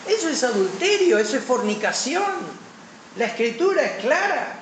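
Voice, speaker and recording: A man's voice: extremely high pitch, very animated, normal speed, reverberant, slight background noise, poor audio. A man preaching a sermon as pastor, with a Paraguayan Spanish accent, emphatic, his voice rising and dropping sharply.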